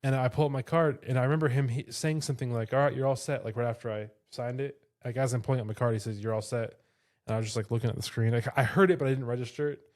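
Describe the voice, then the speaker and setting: A man co-hosting a podcast, chatting casually and telling stories with lively, animated delivery. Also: medium pitch, racing. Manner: animated storyteller, jumps into playful voices. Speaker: podcast co-host. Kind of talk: casual chat.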